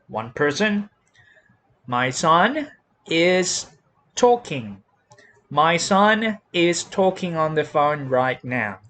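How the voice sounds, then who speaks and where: Slow, lively-voiced Thai man teaching English. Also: a little high, slight background noise. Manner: repeats each word and rule, spells letters out. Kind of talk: slow classroom explanation.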